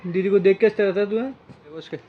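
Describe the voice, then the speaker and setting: Male family vlogger, high-pitched, chatty and playful on a phone camera. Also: fast, narrow, tinny audio, slight background noise. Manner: chatty, playful, talks to kids and viewers. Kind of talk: casual vlog narration. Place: home, indoors; later outdoors on a walk.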